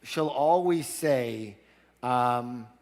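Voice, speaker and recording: Male seminar speaker, energetic, prods the crowd to answer, mid-pitched, long hall reverb. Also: extremely slow. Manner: energetic, asks audience for call-and-response. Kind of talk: live seminar talk.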